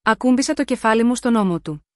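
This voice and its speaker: A woman narrates a first-person romance in a measured, sensual tone. Her voice sits a little high, and the sound is dry and close with no room around it. The delivery is calm and scripted, like an audiobook reading. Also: no room sound. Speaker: storyteller.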